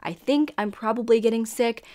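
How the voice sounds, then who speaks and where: Reading her true crime script to camera from a small room at home, a woman in her twenties tells the story in an earnest, measured way. Her voice is a little high with a dark tone, slightly scratchy and stuffy from a dry throat.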